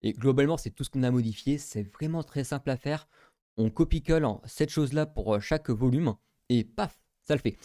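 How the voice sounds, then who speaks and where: A man's voice: mid-range voice, fairly quick, dark tone, dry recording, clean studio sound. A man, casually talking through a screen-recorded tech tutorial, with many fillers and thinking aloud.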